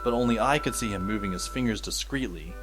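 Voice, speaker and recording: Over music, a man with a fairly low-pitched voice speaks fast in a lightly acted performance as a wry, exasperated teenage schoolboy. As narrator and lead actor of a fan audio drama, he delivers scripted first-person narration in a dry, sardonic tone.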